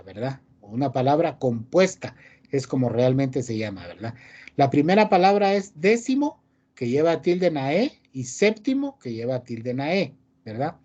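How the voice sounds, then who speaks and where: Mellow-voiced male teacher, muffled lo-fi recording. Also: on the high side. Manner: reads rules aloud and explains, ending phrases with frequent tag questions. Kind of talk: online class lecture.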